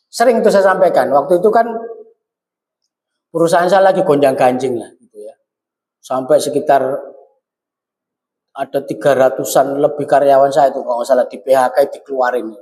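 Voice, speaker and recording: Animated East Javanese preacher in an echoey hall. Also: male voice. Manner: animated, swings high when exhorting, mixes Javanese into Indonesian. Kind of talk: sermon. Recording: echoey hall, long reverb.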